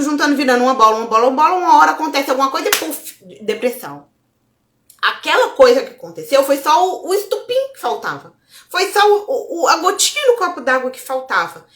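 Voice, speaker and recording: A Brazilian self-development speaker with a high-sitting voice gives a casual motivational talk in an echoey room. She speaks expressively, acts out her inner dialogue and addresses viewers as "gente."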